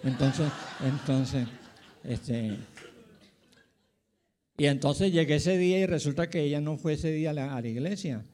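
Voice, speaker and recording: Elderly pastor in his nineties, mellow and slightly high voice, rambling testimony. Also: measured pace, long pauses. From Colombia. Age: 90s. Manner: rambling, with many fillers and asides to listeners. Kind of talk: personal testimony, casual storytelling.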